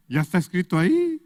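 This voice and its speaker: Male preacher, high animated voice, emphatic, quizzes the congregation; long church reverb. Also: clean studio sound. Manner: emphatic, rhetorical questions to the congregation. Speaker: pastor. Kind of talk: sermon.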